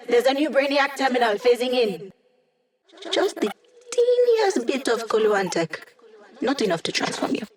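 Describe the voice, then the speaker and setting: A woman's voice: mid-range voice, lightly acted. A woman voicing a digitized young female hacker in a video game, a wry, upbeat ally with casual, techy chatter. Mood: focused, informative.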